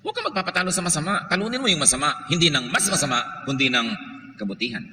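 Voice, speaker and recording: A Filipino man delivers a sermon with a bright, animated voice that rises and falls widely. He slips between Tagalog and English, quotes scripture and jokes with the congregation. The sound carries a long hall reverb over a faint room hum. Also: fairly high pitch, racing. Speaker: preacher.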